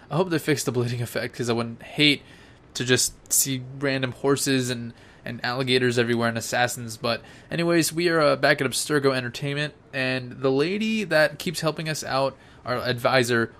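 Relaxed young man doing game commentary. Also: mid-range voice. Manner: relaxed, chatty, filler-heavy. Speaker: gaming channel host. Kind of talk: casual let's-play commentary.

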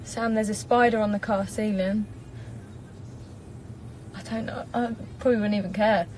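English woman in her twenties, bubbly live-stream chat from her car, mid pitch, faint hiss. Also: fairly even intonation, moderate pace, a little mellow, poor audio. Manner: chatty, bubbly, giggly. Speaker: singer doing a live stream. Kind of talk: casual live-stream chat reading comments. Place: parked car. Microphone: phone propped up in front.

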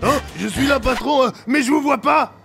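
A man playing a dim, loyal and emotional hulking soldier sidekick in an animated parody, earnest and excitable. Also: very high voice, fairly quick, vocal fry, over music.

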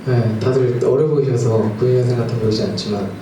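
Between songs at a small live music club, a man in his thirties, a performing singer-songwriter, offers friendly, somewhat nervous banter to the crowd. He speaks fast in a medium-pitched, steady tone. Background noise, club echo, and music come through the distant mic.

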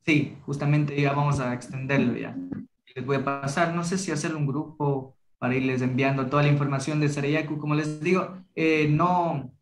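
A young man from the Amazon, casually teaching a language workshop over a video call, halting and restarting often. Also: on the high side, steady tone, reverberant, music in the background, poor audio. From Ecuadorian Amazon. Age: young adult. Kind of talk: online class discussion.

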